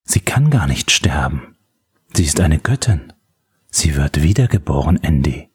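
A man voicing a sinister male killer who taunts over the phone in a low half-whisper. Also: sing-song, unhurried, husky, exaggerated voice. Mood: taunting. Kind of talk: audiobook reading.

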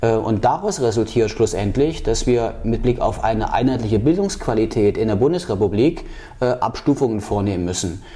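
A man gives long, earnest answers in an interview. His voice is mellow and low-key. He halts often, restarting phrases and filling pauses with hesitation sounds. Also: animated. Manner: halting, many fillers and restarts. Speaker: political candidate.

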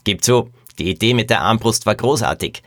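A man voicing a scheming, gruff male animal trainer in a read-aloud children's mystery, growling low and slow. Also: fairly bright tone, no room sound. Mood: gloating menace.

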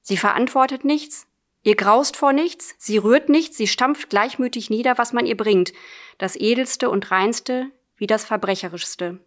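A woman reading a literary audiobook in the form of a letter, measured and earnest, addressing a friend. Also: on the high side. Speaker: audiobook reader.

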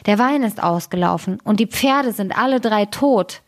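A woman's voice: medium pitch, normal speed, no echo, natural voice. A stubborn, grumbling carter from an old fairy tale, a man of the road with a sour, complaining way of talking, played by a woman reading the story. The recording is dry and close. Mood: lamenting. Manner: grumbling, then wailing.

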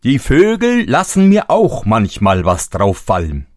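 Man voicing easygoing good-natured fellow, slow, lively tune, storybook reading. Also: medium pitch, no room sound, clean studio sound. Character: easygoing grown man carrying the boy.

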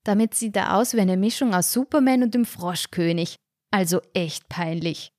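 A woman reading a first-person storybook aloud in a lively, wry way. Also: medium pitch, moderate pace, dry recording, studio quality. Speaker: audiobook reader.

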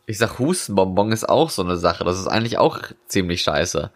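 A man's voice: low-pitched, lively intonation, a little fast. A man chatting casually, rambling and often laughing as he talks. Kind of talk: casual chat.

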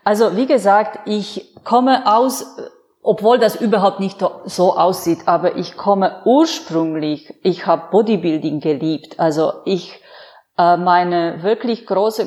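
A woman's voice: fairly low pitch, a little slow, a little mellow. A woman fitness trainer interviewed as a podcast guest, chatting in an earnest, storytelling way.

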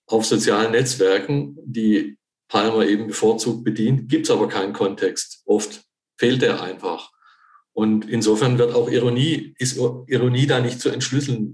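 A man's voice: on the low side, reverberant. A man, a newspaper author invited as a guest, analyses the issue thoughtfully with hesitations and frequent restarts. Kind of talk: analytical conversation.

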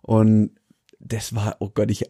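A man's voice: fairly low pitch, monotone, slow, mellow, husky, no echo, studio quality. A man, co-hosting a casual chat and telling rambling stories with frequent laughs. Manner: rambling anecdotal storyteller, laughs often. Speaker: podcast co-host.

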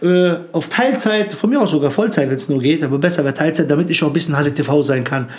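A man's voice: fairly high pitch, fast talker. A man from Frankfurt talking candidly as a comedian guest on a podcast, chatty and full of slang. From Frankfurt, Germany. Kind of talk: casual podcast chat.

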